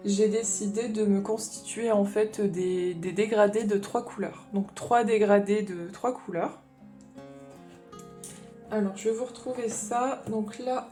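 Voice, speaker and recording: A woman talks through her new craft supplies in a relaxed haul vlog, explaining each choice as she thinks it over. Her voice is warm and mellow at a middle pitch. Light guitar music plays faintly behind her. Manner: chatty and explanatory, thinking aloud. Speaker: craft vlogger. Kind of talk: casual haul chat.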